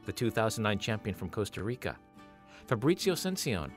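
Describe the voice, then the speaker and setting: A man's voice: lowish voice, sing-song, a little fast. A man reading scripted documentary narration as the narrator. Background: guitar music.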